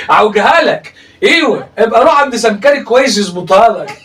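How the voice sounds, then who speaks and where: A man's voice: sits high, big pitch swings, brisk, a bit bright, distant mic. A man with an Egyptian accent doing comic commentary on clips, teasing and laughing often. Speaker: comedy commentator reacting to clips.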